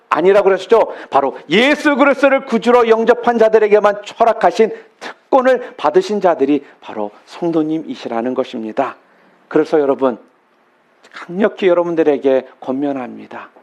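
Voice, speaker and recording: Brief: man with a high voice, pastor giving a sermon from the pulpit, asks the church rhetorical questions, acts out little prayers. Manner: asks the congregation questions and answers them; acts out short prayers and complaints in quoted voices.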